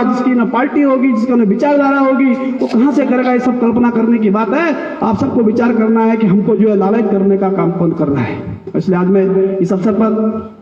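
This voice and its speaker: A man with a very high, strained voice speaks at an open-air political rally, heard far from the microphone. His words boom back through a loudspeaker with a long echo and a muffled, dull tone. He speaks in a declaiming way, stacking up rhetorical questions and repeated phrases. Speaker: politician addressing villagers. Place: outdoor public gathering.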